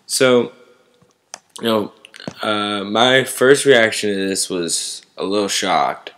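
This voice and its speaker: A man giving casual, unscripted sports commentary to online viewers in a halting way, searching for words. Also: fairly low pitch, fairly bright tone.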